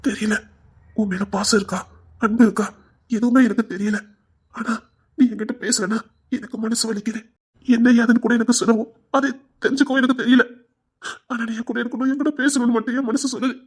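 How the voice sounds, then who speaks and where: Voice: medium pitch, steady tone, fairly quick, long pauses, slightly rough, natural voice. A performer playing a remorseful, short-tempered husband in an audio drama, apologetic and pleading, with a Tirunelveli Tamil accent.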